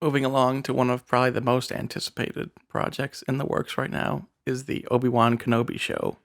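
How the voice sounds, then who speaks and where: A man's voice: medium pitch, flat delivery, brisk, vocal fry, fairly bright tone, dry recording. A young man hosting a podcast in a casual chat, leading the segments with dry teasing. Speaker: podcast host.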